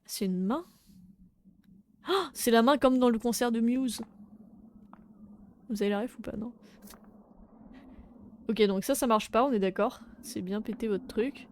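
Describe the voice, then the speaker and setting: A young adult woman streaming a game, chatting casually with viewers in French, swearing and breaking into sudden loud exclamations. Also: fairly high pitch, a little slow, pauses often, a little hiss or hum. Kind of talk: casual live game commentary.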